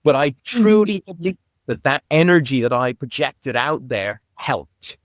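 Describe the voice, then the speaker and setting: Animated man telling a heartfelt story. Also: mid-range voice, unhurried, no room sound, clean studio sound. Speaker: podcast guest. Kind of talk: conversational interview.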